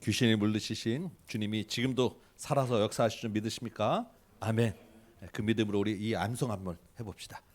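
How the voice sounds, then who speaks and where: A man's voice: fairly low pitch, fairly even intonation, a little fast. A male pastor addressing the congregation and leading them in reciting a memory verse. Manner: calling out to the congregation.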